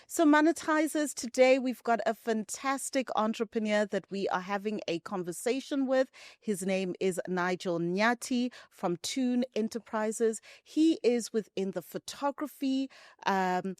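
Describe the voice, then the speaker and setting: A woman's voice: on the high side, unhurried, no room sound, studio quality. A woman hosting a business podcast, affirming her co-host and guest often and asking questions. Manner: warm affirming, frequent "mm" and "I love that". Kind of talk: interview hosting.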